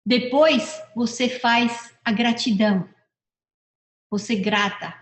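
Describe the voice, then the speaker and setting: Her voice is on the high side and she takes it slowly. She's a middle-aged woman giving a relaxed, chatty motivational talk on personal development, often going back to repeat or fix what she said, with the room's echo audible.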